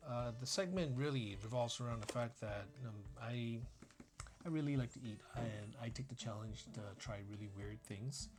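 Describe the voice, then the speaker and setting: A man from Singapore hosting a casual school talk show, chatty and relaxed, with plenty of uhs. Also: mid-range voice, normal speed, music in the background.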